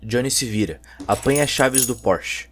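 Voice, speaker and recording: Over background music, a Brazilian Portuguese-accented man narrates a cyberpunk tale in dramatic, scripted fashion. He speaks at a normal speed with a medium pitch and a fairly bright tone.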